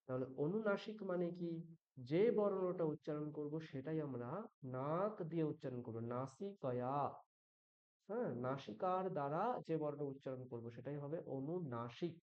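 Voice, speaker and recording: A man teaching a Sanskrit chanting class, patiently correcting students and drawing out sounds slowly to model them. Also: fairly high pitch, lo-fi sound. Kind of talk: online chanting class instruction.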